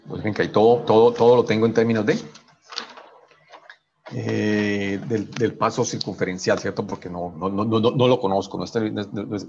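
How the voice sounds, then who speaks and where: A man's voice: lowish voice, darkish tone, muffled recording, a little hiss or hum. A man teaching an engineering class online, working through equations step by step and checking in with "right?" after each step, often restarting his sentences. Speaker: engineering professor.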